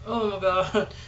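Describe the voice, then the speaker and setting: A woman's voice: fairly high pitch, bright, forceful tone, reverberant, lo-fi sound. A woman vlogging casually to the camera through a dried face mask, chatty and nervous, saying y'all and giggling. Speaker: beauty vlogger. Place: indoors at home.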